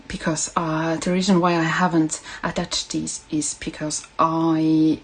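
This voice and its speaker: Slow, low-voiced Finnish woman, hesitant. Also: husky, low-quality recording. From Finland. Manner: gentle, hesitant, halting delivery with affectionate address to viewers. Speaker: craft livestream host. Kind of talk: casual live craft tutorial.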